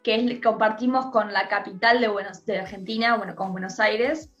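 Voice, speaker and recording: A woman's voice: medium pitch, steady tone, normal speed, a bit bright, highs cut off, faint music behind. A woman from Uruguay with a Rioplatense accent, a radio guest talking in a chatty way with many restarts. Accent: Rioplatense Spanish. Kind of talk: conversational radio interview.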